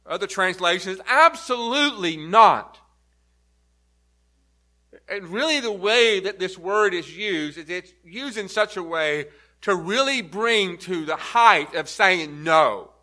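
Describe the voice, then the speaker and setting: A man preaching a sermon, emphatic and building to forceful repeated stresses. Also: sits high, a little slow.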